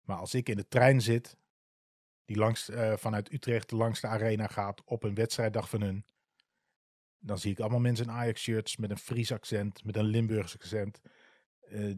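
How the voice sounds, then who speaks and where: A man's voice: on the low side, a little mellow, no echo. Guy in his 40s from the east of the netherlands, just chatting openly, lots of ums, dry close sound. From eastern Netherlands. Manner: candid, hesitant, with many filler sounds. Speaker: football club supporter. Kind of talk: casual spoken storytelling.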